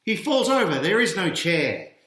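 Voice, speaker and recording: A man with a high, pushed, bright voice reads his own picture book to children at normal speed, very animated as he questions his young audience and draws out each reveal. The space sounds large and echoing.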